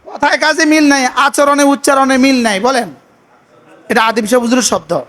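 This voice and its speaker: A male preacher. He keeps quizzing his listeners with the same question and chants Arabic prayers at a slow, deliberate pace. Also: extremely high pitch, steady tone, fairly bright tone. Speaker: Islamic preacher. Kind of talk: sermon.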